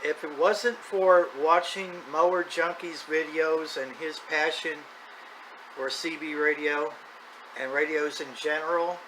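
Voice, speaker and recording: Bright and forceful, a fairly high male voice speaks unhurriedly with a steady tone. He's a middle-aged or older man hosting a hobby video in a casual, unscripted, folksy vlog monologue, captured in poor audio with clear background noise and ambient sound.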